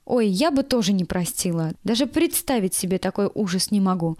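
A woman's voice: mid-range voice, expressive, fairly quick, dark tone, no room sound, clean studio sound, natural voice. A woman voicing a young, chatty, tactless kitchen aide who prattles indignantly. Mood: chirpy.

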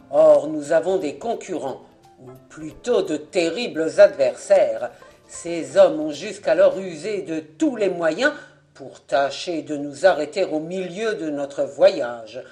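A proud middle-aged French aviator protests his arrest, voiced by an audiobook reader. His voice sits a little lower and louder than the narration, firm and declaiming. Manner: forceful, declaiming.

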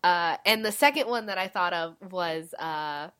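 Woman, nasal, slightly low voice, casual co-host chat, filler-heavy. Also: measured pace, sharp tone, clear, resonant tone. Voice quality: nasal right now. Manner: chatty, with many "like" fillers. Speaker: podcast co-host.

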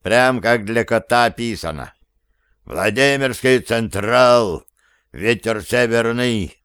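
A man's voice: medium pitch, lively intonation, measured pace, clear, resonant tone, no room sound, studio quality, natural voice. A man voicing a sly, grumbling companion who mocks a comrade in an audiobook. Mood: mocking. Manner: mocking, grumbling.

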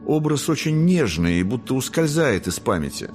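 A man voicing a gentle, kind girl angel who speaks calmly and soothingly. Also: medium pitch, moderate pace, faint music behind, pitched above the performer's own voice, close to an everyday voice. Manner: calm, soothing.

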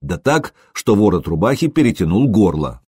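A man narrating an audiobook in a measured, expressive way. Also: lowish voice, husky, dry recording, clean studio sound.

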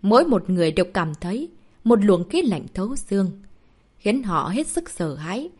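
A woman with a medium-pitched, slightly breathy voice narrates a martial arts story as an audiobook. She reads expressively at a moderate pace, in a storytelling manner.

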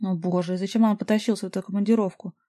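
A woman's voice: mid-range voice, steady tone, rapid-fire, close to an everyday voice. A woman reading a hot-tempered jealous young man. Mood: exasperated. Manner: shouting, snapping.

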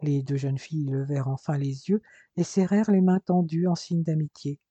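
Storybook narrator, even unhurried reading, very dark tone, dull lo-fi recording. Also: mid-range voice, slightly rough, dry recording. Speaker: audiobook narrator.

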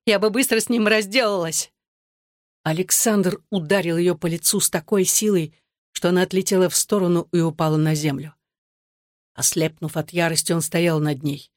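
Measured audiobook narrator. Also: medium pitch, steady tone, a little mellow, dry recording, clean studio sound. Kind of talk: dramatic novel narration.

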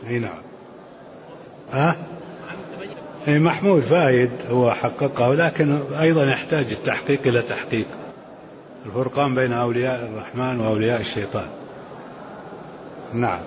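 Man, sheikh giving a lesson, deliberate explanations, muffled lo-fi sound, faint hiss. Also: medium pitch. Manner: explains slowly, asks the reader questions. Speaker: sheikh teaching the book. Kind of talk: lecture commentary on a text. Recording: dull lo-fi recording with faint hiss.

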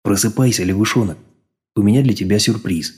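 Cocky young boss, played by the narrator, low and very husky, teasing. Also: male voice, darkish tone. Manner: teasing, brisk commands. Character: confident teasing young man, commanding boss.

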